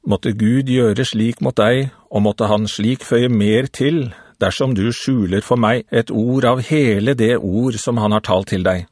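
A man reading the lines of an old, half-blind priest who speaks gently and earnestly. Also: medium pitch, few pauses, dry recording, clean studio sound, close to an everyday voice.

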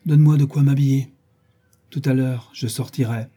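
A grim young marquis gives short, cold orders with bitter irony, as a man reads him aloud. The voice is dark and husky. It is a classic novel read as an audiobook. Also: mid-range voice, fairly even intonation, normal speed, close to an everyday voice. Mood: curt. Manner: curt, bitterly ironic.

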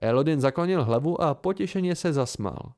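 A man reading an amateur audiobook in a steady, unhurried way. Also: fairly high pitch. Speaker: audiobook reader.

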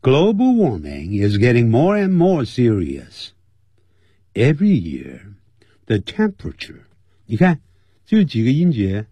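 Guy teaching english on the radio, voice swoops all over, slow and a bit husky, dry sound. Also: dry recording. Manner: explains word by word, repeats pronunciations slowly; lively, swooping pitch. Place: radio studio.

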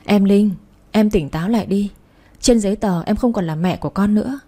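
A woman voicing a calm, cold wife who keeps the child and speaks in a cutting tone. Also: medium pitch, fairly quick, natural voice. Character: cold, composed wife taking in the baby.

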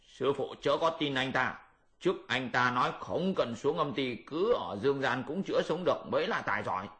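List: man voicing a sly grumbling pig-monk, lazy, lower plain voice, storybook. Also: lively intonation, moderate pace, fairly bright tone, close to an everyday voice. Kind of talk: audiobook character voice.

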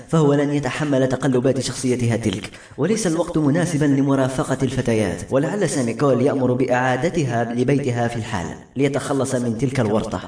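Fast male novel narrator, echoey room, faint music underneath. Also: mid-range voice. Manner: brisk, steady storytelling. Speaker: audiobook narrator. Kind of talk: scripted narration.

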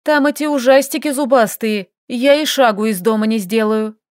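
A woman voicing a stubborn, feisty young heroine who bickers and exclaims in quick, sharp lines, read from an audiobook. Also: fairly high pitch, no echo, clean studio sound, lightly acted.

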